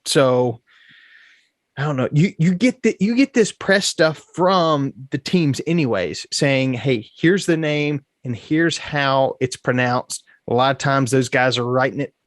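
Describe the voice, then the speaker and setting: A man's voice: mid-range voice, measured pace, no echo, studio quality. A man co-hosting a college football podcast, chatting casually and often repeating his first words. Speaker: podcast co-host. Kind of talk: casual sports podcast chat.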